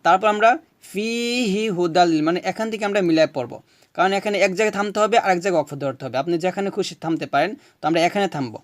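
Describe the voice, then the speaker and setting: A man teaching Quran recitation, chanting verses slowly and explaining each rule patiently, asking questions and answering them himself. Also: high voice, no echo. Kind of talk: recitation lesson.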